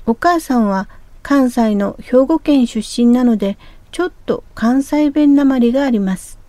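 女性が演じる好奇心旺盛な男の子のトンボ. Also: female voice, a little high, a little slow, warm tone, no room sound, close to an everyday voice. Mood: chatty. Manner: childlike, eager, chatty. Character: cheerful curious young boy dragonfly. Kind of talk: storybook reading.

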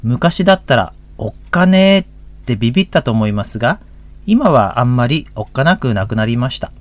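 A man's voice: mid-range voice, lively intonation, a little fast, no room sound. A man in his fifties with a Tohoku accent, a pastor hosting a religious radio talk in a folksy, chatty way. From Akita, Japan. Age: 50s.

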